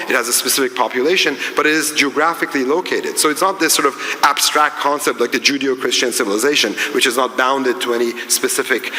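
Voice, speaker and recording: A man speaking as a panelist at a conference, measured and academic, with frequent restarts and fillers. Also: mid-range voice, bright, forceful tone. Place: large conference hall. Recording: echoey, reverberant conference hall.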